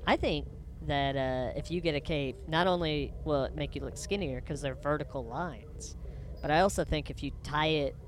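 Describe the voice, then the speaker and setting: A woman co-hosting improvised comic role-play, chatting in a crude, rambling way. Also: sits low. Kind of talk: improvised comedy chat. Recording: clear background noise.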